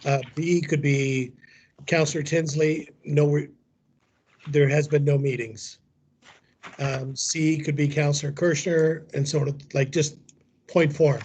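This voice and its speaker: A man's voice: on the high side, fairly even intonation, a little slow, darkish tone, a little hiss or hum. A man chairing a council meeting while losing his voice, brief and businesslike.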